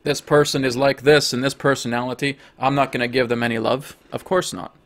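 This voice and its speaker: A hoarse man voicing a channeled spirit guide entity that speaks as "we" in a slow, emphatic, sermon-like cadence. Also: medium pitch, fairly even intonation, fairly bright tone, lightly acted. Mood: earnest.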